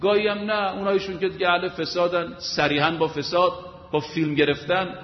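A man's voice: high-pitched, little pitch movement. A man giving an emphatic sermon, asking rhetorical questions and retelling stories with quoted voices. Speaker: preacher. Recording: echoey hall, dull lo-fi sound.

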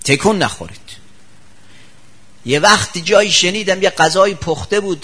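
A man preaching a religious sermon in a somewhat high, husky voice. He tells homely stories and acts out the people in them, his pitch leaping up for their lines. The delivery is lively and storytelling. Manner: acts out quoted people with sharp pitch jumps. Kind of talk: Persian sermon with anecdotes.

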